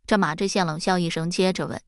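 A woman's voice: fairly low pitch, fairly even intonation, fast talker, no echo, clean studio sound. A woman narrating a folk tale, acting out the characters' lines with small shifts in her voice. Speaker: storyteller.

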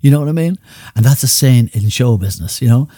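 Speaking quickly and with animation, an older man from Ireland, once an entertainer and chauffeur, shares rambling anecdotes and jokes as an interviewee, peppered with "you know what I mean." His mid-range voice has a dark tone, recorded in studio quality without echo.

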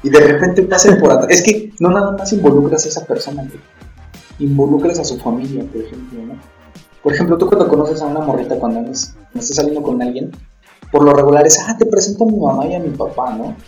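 Young male co-host, Mexican accent, slightly high voice, slangy casual banter, off-mic in an echoey room. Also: quick pace, darkish tone. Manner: slangy, profane, acts out imagined dialogue. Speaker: podcast co-host. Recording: roomy, distant mic, music behind.

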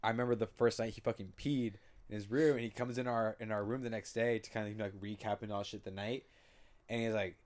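A man's voice: on the low side, fairly even intonation, quick pace. A young man co-hosting a podcast, telling a blunt, joking story in casual chat. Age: young adult. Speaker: podcast co-host.

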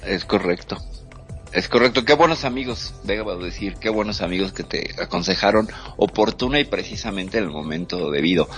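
A man hosting a talk show, lecturing in an expressive way that swings between loud and soft. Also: low-pitched, fairly quick, few pauses, soft background music. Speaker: host. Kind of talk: reflective talk show commentary.

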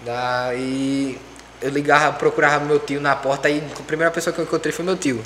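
A young man telling a story in casual chat, animated and acting out quoted dialogue. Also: fairly high pitch, a little fast. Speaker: podcast guest. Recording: echoey room with faint background noise.

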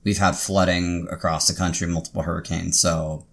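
A man's voice: low-pitched, level tone, moderate pace, gravelly, fairly bright tone. A man with an American accent chatting casually and wryly as a podcast co-host.

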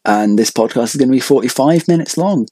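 A man's voice: medium pitch, expressive, fairly quick, warm tone. A young man hosting a casual podcast, rambling with lots of filler words. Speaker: podcast host. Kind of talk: casual chat.

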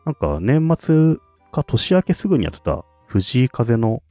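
A man's voice: mid-range voice, very animated, a little slow, warm tone, no echo, soft background music. A man co-hosting a casual podcast chat, talking enthusiastically and laughing often. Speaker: podcast co-host.

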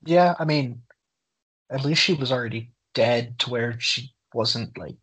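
Husky-voiced man co-hosting a podcast. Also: mid-range voice, measured pace, fairly bright tone. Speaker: podcast co-host. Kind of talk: casual podcast chat.

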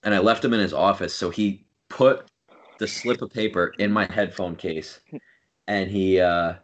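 A man's voice: low-pitched, fairly even intonation, moderate pace, fairly bright tone. A man hosting a casual podcast, teasing his friends and telling stories in a joking way. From Long Island. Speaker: podcast host. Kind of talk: casual chat.

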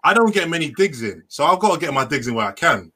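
A man's voice: fairly high pitch, very animated, fast, a crowd in the background. A man with a London roadman accent and slangy street talk, hosting a casual group chat. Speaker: podcast host.

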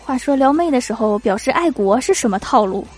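A woman's voice: fairly high pitch, expressive, a little fast. Amused young woman telling chat jokes. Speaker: storyteller. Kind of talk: comic storytelling.

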